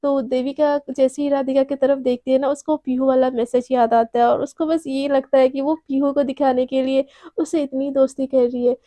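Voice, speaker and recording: A woman tells a romance story in a chatty, casual way full of fillers. Her voice is high and mellow, recorded close and dry. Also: little pitch movement, normal speed, few pauses, no room sound. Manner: chatty, filler-laden retelling.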